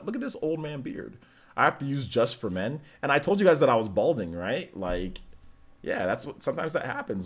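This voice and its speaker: His voice is medium-pitched, gravelly, and husky, with a slightly bright edge. The man, in his forties, hosts a livestream and casually reads viewer messages, rambling in a laid-back, slangy manner.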